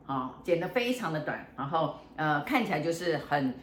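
An older woman fortune teller tells a story in a chatty, joking manner, full of fillers. Her voice sits low. The room is echoey, with a faint hiss behind her. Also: sing-song, moderate pace. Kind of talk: casual storytelling. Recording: roomy room with faint noise.

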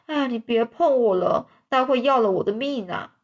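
A woman's voice: fairly high pitch, darkish tone, natural voice. A woman voicing a mischievous boy faking illness, talking in a whiny, self-pitying way. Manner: whining, drawn-out, self-pitying.

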